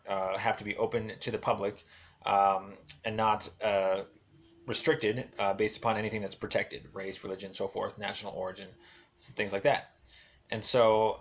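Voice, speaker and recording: A man leaving a long voicemail as a caller, speaking in a halting way with many fillers and a formal complaint tone. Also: fairly low pitch, a bit bright.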